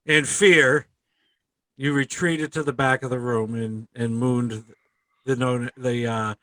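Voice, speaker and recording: A man hosting a podcast in casual chat, with a halting, stammering delivery. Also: mid-range voice, fairly even intonation, a bit bright, dry recording. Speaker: podcast host.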